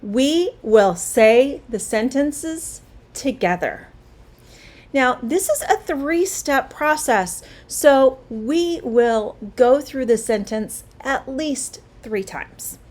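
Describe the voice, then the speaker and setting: A middle-aged woman teaching English, speaking slowly and clearly with a voice that rises and falls a great deal. Her tone is a little high and encouraging. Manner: slow, clear and encouraging, with a very lively melody. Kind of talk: spoken English lesson.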